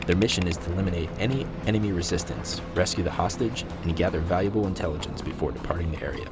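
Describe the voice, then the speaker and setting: A man reading scripted documentary narration in a measured, formal way. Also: low voice. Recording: loud vehicle and outdoor noise behind.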